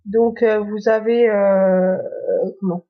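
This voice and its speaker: A woman's voice: medium pitch, steady tone, slow, narrow, tinny audio. A woman chatting casually through the apps on her phone, hesitant with many fillers and restarts. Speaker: YouTuber. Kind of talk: casual phone tour vlog.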